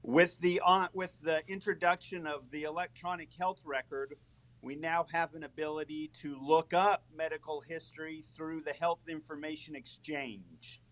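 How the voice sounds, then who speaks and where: A man speaking over a phone line in a live panel discussion, loudly and close into the phone, explaining a process step by step as a military medical official. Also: on the high side, fairly even intonation, normal speed. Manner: explanatory, gives a brief history lesson.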